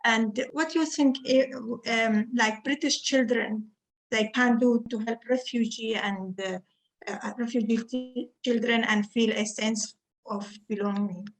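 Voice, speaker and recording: Higher-voiced Syrian woman interviewer. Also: steady tone, poor audio. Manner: halting, many fillers like "you know, like". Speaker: interviewer, community support coordinator. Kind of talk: interview questions.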